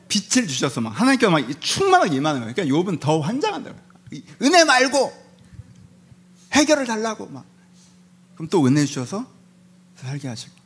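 Man, pastor, sermon, high lively voice, acts out voices, rhetorical questions. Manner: animated, acts out voices of Job and his friends.

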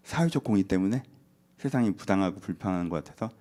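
A man delivering a sermon in a relaxed, chatty way. His pitch swings widely and his tone stays lively. Now and then he slips into short acted-out asides. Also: quick pace. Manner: conversational preaching with acted-out asides. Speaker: pastor.

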